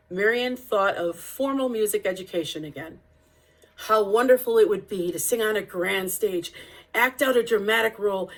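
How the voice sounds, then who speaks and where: A woman with a medium-pitched voice reads a children's picture-book biography aloud as storytelling narration. She stumbles slightly now and then.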